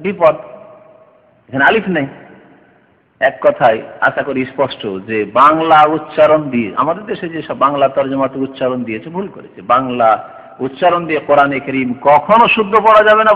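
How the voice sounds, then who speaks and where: A man preaching a sermon, explaining Arabic phrases and asking his listeners rhetorical questions. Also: mid-range voice. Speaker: Islamic preacher. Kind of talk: sermon lecture. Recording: dull lo-fi recording with long hall reverb.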